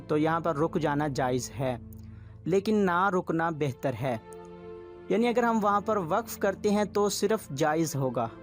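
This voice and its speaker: High-voiced man patiently teaching. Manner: patient, repetitive explaining. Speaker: Quran recitation teacher. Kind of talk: step-by-step tutorial explanation.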